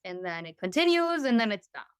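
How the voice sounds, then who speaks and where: Chatty young woman with a smooth voice. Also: medium pitch, sing-song, a little fast, no room sound. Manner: chatty, full of "you know" and "like", acting out quoted voices. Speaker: interview guest. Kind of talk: casual storytelling.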